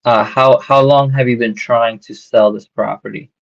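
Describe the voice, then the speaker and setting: Over a muffled, lo-fi phone recording, a gravelly man with a mid-range voice and fairly even intonation makes a casual sales call. A real estate wholesaler cold-calling a seller, he halts often, leans on fillers, and keeps restarting sentences.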